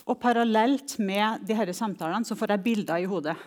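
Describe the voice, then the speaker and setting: Middle-aged woman, earnest spoken testimony, reflective, slow emphatic pauses, church talk. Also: mid-range voice, darkish tone.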